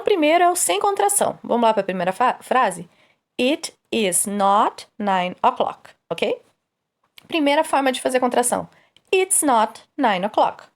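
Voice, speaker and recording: Woman English teacher, fairly high voice, asks and answers her own questions, slow careful examples. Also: sing-song. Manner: reads English examples slowly, explains quickly. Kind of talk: explaining grammar to students.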